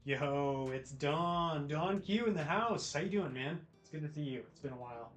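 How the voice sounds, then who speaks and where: The voice of this American livestream host sits on the high side, a bit bright and animated, at a moderate pace. He chats casually and slangily with live viewers while guitar music plays in a roomy, echoey space.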